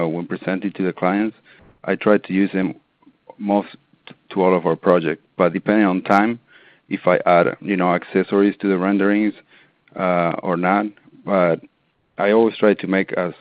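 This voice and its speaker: Speaking over a tinny phone line with no echo, a deep-voiced Argentine man appears as an interior designer guest. He answers the interview questions casually but hesitantly, with plenty of ums and false starts.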